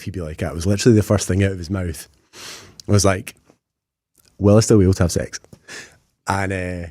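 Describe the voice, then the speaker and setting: A man's voice: on the low side, mellow, no echo, clean studio sound. A Scottish man in his thirties, a podcast guest talking casually and self-deprecatingly with lots of fillers. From Scotland.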